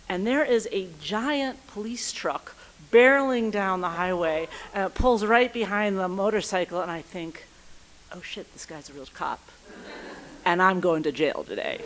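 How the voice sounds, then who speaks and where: A woman's voice: mid-range voice, a bit bright. A woman in her thirties tells a personal story live on stage, acting out voices and thoughts with comic timing. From United States. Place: theater stage before a live audience.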